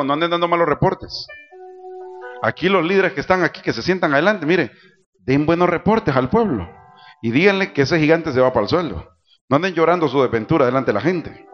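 A man delivers a sermon in a fairly high voice. He calls on the congregation to answer back, swinging from loud cries to quiet asides. The recording is dull and lo-fi, with faint music underneath. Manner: preaching with call-and-response to the congregation. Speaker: pastor.

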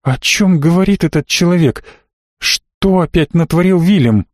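A man's voice: on the high side, normal speed, no echo, clean studio sound, natural voice. A man reading an audiobook, voicing an indignant young noblewoman with a raised voice. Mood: outraged. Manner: raised voice, outraged pleading. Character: young red-haired noblewoman, fiery and indignant.

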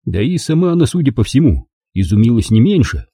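A man narrating a first-person audiobook story with wry, lively storytelling. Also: medium pitch, a little fast, husky, dry recording, clean studio sound.

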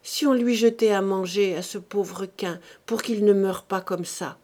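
A meek, resigned peasant maid, voiced by a woman reader, speaking low and quietly. Her words come slow and soft. It is read like a storybook. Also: natural voice.

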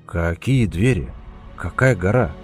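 A man voicing a stern, gruff male leader of a polar rescue team, curt and exasperated. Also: deep voice, lively intonation, measured pace, soft background music, voice pushed down.

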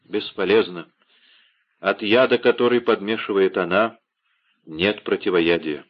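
A man reading a stern, brooding musketeer in an audiobook, hoarse and restrained. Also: low-pitched, unhurried. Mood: grim. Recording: dull lo-fi audiobook recording.

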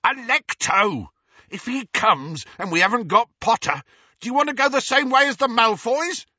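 A man voicing an uncouth, bullying male dark wizard who bellows and shrieks coarsely, in a slightly dull, dry recording. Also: on the high side, very animated, moderate pace, husky, no room sound, voice pushed up, heavily acted. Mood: furious.

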